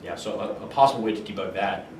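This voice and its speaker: A man giving an informal technical explanation, halting and thinking aloud as he answers questions. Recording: roomy, far microphone, noticeable low rumble.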